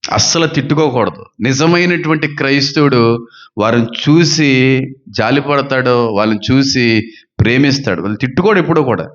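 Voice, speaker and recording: A man preaching a sermon as a pastor, fervent and full of rhetorical questions, swinging between loud and soft. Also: medium pitch. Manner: says he talks fast and gives quick counters. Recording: dull lo-fi sound.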